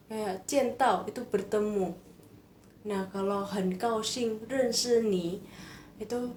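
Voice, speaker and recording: Woman, live online Mandarin teacher, slow and patient, echoey room with faint noise. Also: mid-range voice, darkish tone. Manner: patient, reads out viewer questions, frequent "sorry".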